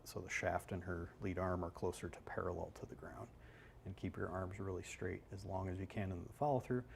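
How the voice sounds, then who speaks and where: A man's voice: sits low, vocal fry, a little mellow, slight background noise. A man working as a golf instructor, explaining swings in a loose, conversational way on a live analysis show.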